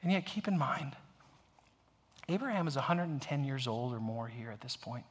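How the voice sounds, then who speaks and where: A man in his forties from the United States preaching a conversational sermon, moving from emphatic peaks to soft, hushed storytelling. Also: mid-range voice, expressive, normal speed, slightly rough. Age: 40s. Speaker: pastor.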